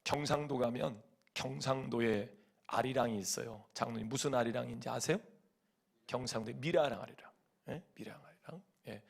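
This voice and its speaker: A male pastor from Chungcheong, Korea, preaches a sermon in a church sanctuary with a gravelly, medium-pitched voice. He tells stories in an animated way, mimicking voices and humming lines of folk songs.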